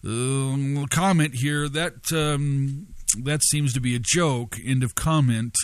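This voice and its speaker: A man preaching and reading news aloud, telling a story with many pauses and fillers and stressing key words. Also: medium pitch, clean tone, dry recording.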